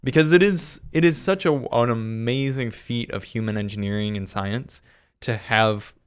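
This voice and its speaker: A man's voice: mid-range voice, normal speed, clear, resonant tone. Chatty young man, podcast co-host. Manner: chatty, teasing, enthusiastic. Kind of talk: casual chat.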